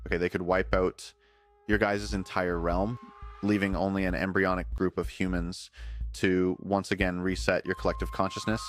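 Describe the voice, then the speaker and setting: A man's voice: deep voice, level tone, moderate pace, natural voice. A man voicing a stern but sympathetic male officer in a storytelling video, speaking formally and earnestly.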